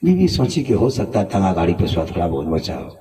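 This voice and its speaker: A man from Jharkhand telling a comic religious tale in an animated way, acting out the characters. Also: sits low, fast, slight background noise. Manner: animated, voices many characters. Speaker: religious storyteller. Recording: distant mic, crowd around.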